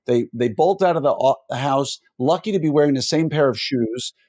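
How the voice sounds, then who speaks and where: A man hosting a podcast interview, talking in a loose, rambling way. He often restarts and corrects himself and slips in jokes while setting up long questions. His pitch is average for a man. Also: a little mellow. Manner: rambling, self-correcting, jokey. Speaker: podcast host. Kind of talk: conversational interview.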